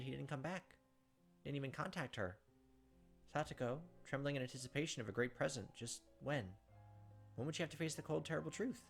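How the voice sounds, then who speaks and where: With a medium-pitched, creaky voice, a man hosting a gaming video performs visual novel lines in an emotive, theatrical style. Game music runs underneath his reading.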